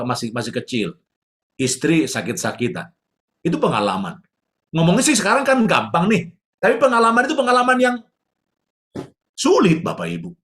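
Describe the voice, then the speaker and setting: A man preaching a sermon as pastor, emotive, posing questions and answering them himself. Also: mid-range voice.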